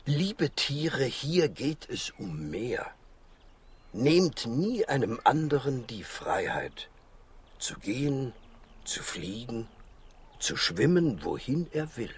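An actor playing a kind, principled animal doctor, theatrical and earnest, in a children's radio play. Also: male voice, medium pitch, sing-song, slow pace, husky, exaggerated voice.

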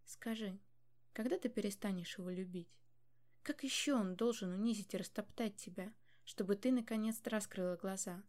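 A weary old king speaks quietly to his daughter, heavy and resigned. A woman reads him in a mellow, low-key tone. His talk is slow and grave. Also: lightly acted.

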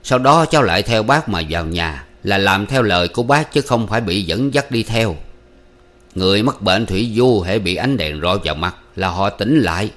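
A man playing a calm, shrewd old man. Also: lowish voice. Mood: probing. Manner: slow, probing, deliberate.

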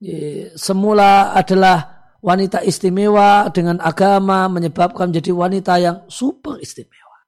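A man, an Islamic cleric, giving calm religious advice to listeners, with many "eh" and "ya" fillers. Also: sits high, moderate pace.

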